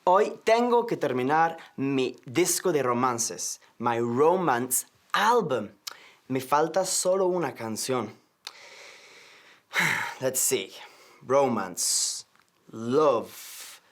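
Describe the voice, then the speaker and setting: A hammy, very slow DJ. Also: male voice, mid-range voice, lively intonation, fairly bright tone, heavily acted. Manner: dramatic, drawn-out, hammy. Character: showy male radio DJ making a romance album. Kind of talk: TV comedy sketch.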